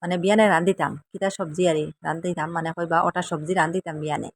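A woman's voice: lowish voice, fairly even intonation, very fast, a little hiss or hum. A woman from Assam with a Sylheti accent, chatting to viewers in a casual cooking vlog in a rambling, chatty way. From Assam, India. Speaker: vlogger.

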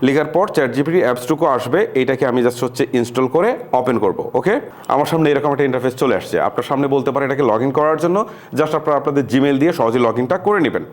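A man's voice: medium pitch, expressive, fairly quick. A man hosting a casual tutorial, chatting to viewers as he demonstrates an app and often mixing English words into his speech. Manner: chatty, keeps saying "see" to viewers, mixes in English words. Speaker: tech tutorial host. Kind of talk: casual screen-recorded tutorial.

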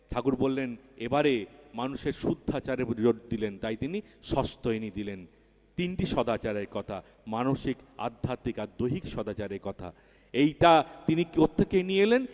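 A man's voice: medium pitch, darkish tone. A man preaching a devotional sermon with fervour, repeating key words and rising in emphasis, at a religious festival. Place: large hall at a religious festival. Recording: long hall reverb.

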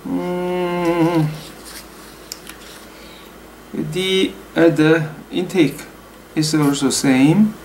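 A native Korean speaker with a Korean accent sits at a desk in a small home room, explaining engine work as a hobby mechanic and reading numbers aloud slowly, with frequent pauses and fillers. His voice is on the high side, steady, and a little mellow. It's a low-quality recording with a bit of hiss or hum.

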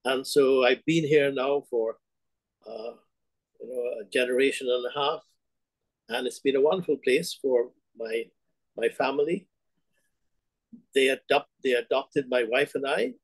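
Over a webcam video call from his home, an older bank CEO from Guyana looks back on his life in an interview, hesitating, restarting, and filling gaps. The audio of his mid-range voice is dry with no room sound, but low quality.

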